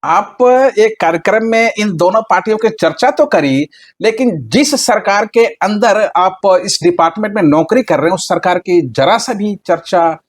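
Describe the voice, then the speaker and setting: A man's voice: sits high, normal speed. A man interviewing a hospital official with pointed, probing questions.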